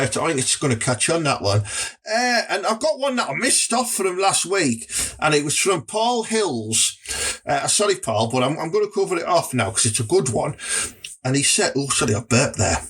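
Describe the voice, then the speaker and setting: A man's voice: fairly high pitch, fairly bright tone. A man with a North East English accent hosting a comic podcast in casual chat, cheeky, crude and pleased with himself. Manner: cheeky, crude, self-congratulating. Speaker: podcast host.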